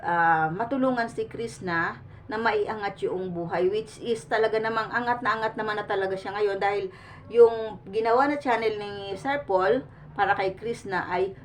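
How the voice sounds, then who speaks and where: Earnest woman vlogger, far from the mic. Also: mid-range voice. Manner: earnest, pleading, with many fillers and restarts. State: sweating from the heat. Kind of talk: casual reaction commentary to the camera. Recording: distant mic with faint room noise.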